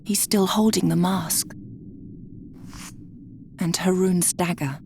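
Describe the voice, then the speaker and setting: A woman's voice: on the low side, steady tone, slow pace, gravelly, darkish tone, slight background noise. An actress playing a stern, determined young woman adventurer in a fantasy video game, terse and commanding. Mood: observing. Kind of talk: video game character acting. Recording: game ambience behind the voice.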